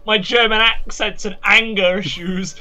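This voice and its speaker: A man joking loudly and swearing while playing a strategy game with friends over voice chat. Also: sits high, fairly even intonation, measured pace. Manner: loud, sweary, jokey. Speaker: gamer on voice chat. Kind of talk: casual gaming banter.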